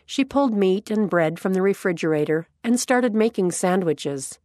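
A woman narrating a scripted story in a calm, measured way. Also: medium pitch, dry recording, clean studio sound.

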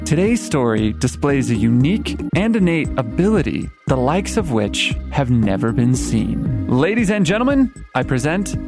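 A man's voice: mid-range voice, sing-song, moderate pace, few pauses. Playful male show host over music. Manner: playful and theatrical. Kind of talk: scripted show presenting. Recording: voice over a clear music bed. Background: background music.

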